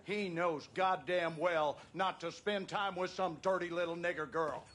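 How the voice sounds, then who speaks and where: An actor playing a bitter, abusive husband in a video game, with a Southern American accent and a menacing, aggrieved delivery. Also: male voice, high voice, steady tone, unhurried, a bit bright. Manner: menacing, aggrieved, folksy cursing. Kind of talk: dramatic video game acting.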